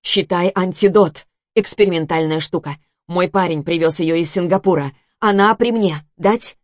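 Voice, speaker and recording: A woman voicing a brisk, determined young woman detective. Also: on the low side, no room sound, studio quality, close to an everyday voice.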